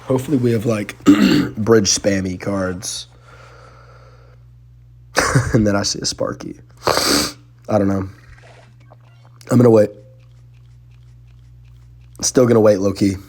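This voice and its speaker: Excitable young man commentating gameplay. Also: fairly low pitch, slow pace, long pauses. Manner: excitable, casual, slangy, talks to viewers. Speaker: gaming channel host. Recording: faint music underneath.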